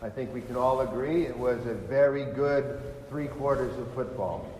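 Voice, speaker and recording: Deacon preaching in an echoey church. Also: male voice, mid-range voice, normal speed, darkish tone, a little hiss or hum. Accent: Californian. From California. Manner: conversational, asks rhetorical questions. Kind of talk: Sunday homily. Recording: echoey church with long reverb.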